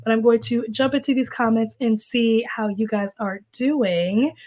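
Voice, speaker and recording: Faint music plays behind a young woman's unhurried, slightly mellow, higher-pitched voice as she hosts a relaxed livestream at home via desk mic. She chats with lots of fillers, reading viewer comments and reacting, and sounds stuffy and a touch coughy while recovering from illness.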